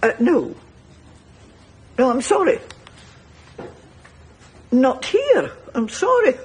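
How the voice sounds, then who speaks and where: A snooty, breathy lady. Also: sits high, huge pitch swings, very slow, a little mellow, full character voice. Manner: prim, snooty. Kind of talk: TV sitcom acting.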